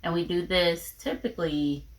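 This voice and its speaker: A woman's voice: fairly low pitch, steady tone, normal speed. A young woman co-hosting a casual chat, chiming in with short agreements and laughing often. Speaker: co-host.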